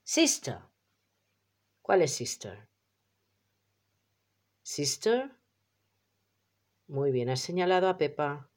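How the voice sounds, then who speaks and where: Teacher from doing a kids vocab lesson, slow and patient, voice goes way up and down. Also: medium pitch, lively intonation. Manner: patient, repeats each word slowly for the child; encouraging, praises often. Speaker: English teacher for children.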